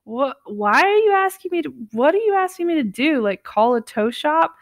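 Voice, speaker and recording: A woman's voice: high voice, sing-song, normal speed, no echo, clean studio sound, pitched above the performer's own voice. A woman reading a story aloud, voicing a baffled adult man who asks disbelieving questions.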